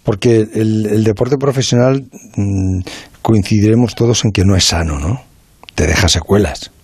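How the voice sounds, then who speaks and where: A man's voice: fairly low pitch, normal speed, darkish tone, husky, dry recording. A man interviewing a guest, asking questions in a casual, colloquial way and chiming in often. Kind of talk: conversational interview.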